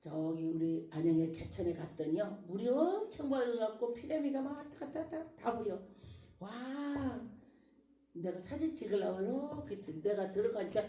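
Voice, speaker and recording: A woman pastor preaching a sermon with lots of emotion, acting out prayers and dropping from loud cries to hushed asides. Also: medium pitch, lively intonation, moderate pace, lo-fi sound. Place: church. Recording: echoey church hall, mic at a distance.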